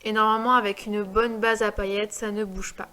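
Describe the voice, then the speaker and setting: A young woman narrating her makeup tutorial step by step, calm and explanatory. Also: medium pitch, fairly quick, faint music behind. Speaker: beauty vlogger.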